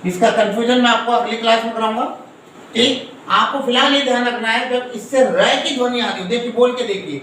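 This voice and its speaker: A man's voice: extremely high pitch, steady tone, brisk, a bit bright. A male teacher giving a classroom grammar lesson, explaining step by step and quizzing his students. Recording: echoey room, distant mic, faint hiss.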